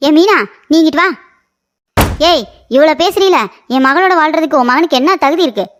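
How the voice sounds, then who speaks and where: A woman voicing a sharp-tongued, combative middle-aged mother of the bride in a comic cartoon. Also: high voice, fairly quick, noisy background, lightly acted. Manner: combative, mocking.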